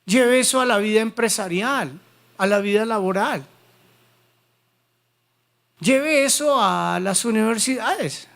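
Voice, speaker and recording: A pastor preaching a sermon, reading Bible passages aloud with dramatic pauses. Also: male voice, high-pitched, fairly bright tone. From Colombia.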